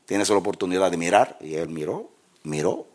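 A man from the Republic, preaching as a pastor and telling lively personal stories. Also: low-pitched, normal speed. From Dominican Republic. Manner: lively storyteller, acts out dialogue and laughs at his own stories. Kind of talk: sermon with personal anecdotes.

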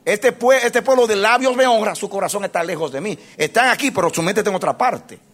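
A man preaching a sermon to a congregation, impassioned, asking them questions and repeating phrases for emphasis, swinging from hushed to loud. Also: high-pitched, fairly quick. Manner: addresses the congregation directly with questions.

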